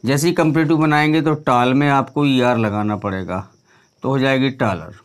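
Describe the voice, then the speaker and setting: A man's voice: medium pitch, moderate pace, smooth. A middle-aged man teaching English grammar in a video lesson, who keeps asking the viewer questions and then answers them himself. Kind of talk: explanatory classroom lesson.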